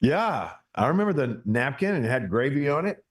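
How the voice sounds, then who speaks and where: Folksy guy w/ appalachian hillbilly accent, chatting casual on a show, medium pitch, emphatic. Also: very animated, fairly quick. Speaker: guest, ministry leader and author. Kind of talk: casual chat.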